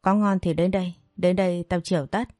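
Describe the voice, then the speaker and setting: A cocky young neighbor lad, full of teasing provocation, in a spoken storybook, as a woman puts him on. The voice sits low and mellow, recorded dry and close with faint music behind. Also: steady tone, brisk, no echo, lightly acted. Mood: taunting. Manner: taunting, provocative.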